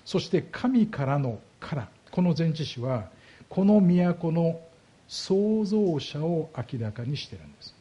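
A man's voice: fairly high pitch, sing-song, mellow, breathy edge, lo-fi sound. A man preaching a sermon as a pastor, explaining scripture and asking his congregation rhetorical questions. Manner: slows down heavily on key words.

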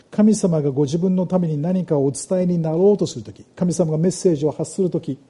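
A man's voice: on the high side, dark tone, breathy edge. A middle-aged man preaching a sermon, reading scripture aloud and asking the congregation questions. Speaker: pastor.

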